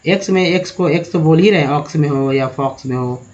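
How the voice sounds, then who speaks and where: Higher-pitched man teaching English pronunciation. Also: a little fast, darkish tone. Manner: spells words letter by letter, calls viewers friends. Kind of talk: spoken language lesson. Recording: dull lo-fi recording.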